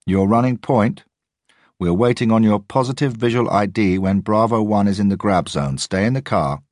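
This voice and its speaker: A man's voice: lowish voice, normal speed, darkish tone, no room sound, studio quality, pitched above the performer's own voice, lightly acted. A man voicing a male police surveillance officer who speaks in clipped radio calls, growing tense. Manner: clipped radio call-sign talk.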